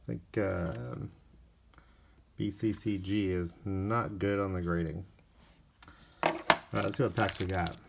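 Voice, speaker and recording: On camera, a man with a low, creaky voice opens card packs and chats casually through each one, sounding a little tired. He's unhurried, reading the player names off in a flat list, while wrappers crinkle and cards click in the background.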